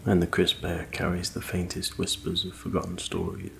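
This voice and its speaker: Low, gravelly, hushed male sleep story narrator. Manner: slow, calm, hushed, relaxing delivery. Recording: faint noise under rain ambience. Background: rain ambience.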